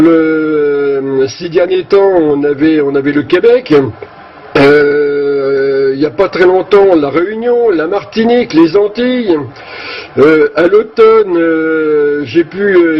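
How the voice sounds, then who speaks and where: A man's voice: on the high side, measured pace. Hesitant man heard over CB radio. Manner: hesitant, many fillers and restarts. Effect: heard over a CB radio link. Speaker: CB radio operator. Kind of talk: casual explanatory radio chat. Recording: muffled lo-fi CB audio with faint hiss.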